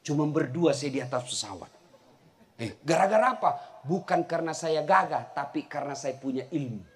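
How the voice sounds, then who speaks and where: A middle-aged man giving a humorous sermon to a live audience, telling stories and shouting the punchlines. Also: a little high, moderate pace. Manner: animated storytelling, shouting punchlines with laughter. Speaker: preacher. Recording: live event with crowd and faint noise. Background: crowd laughter.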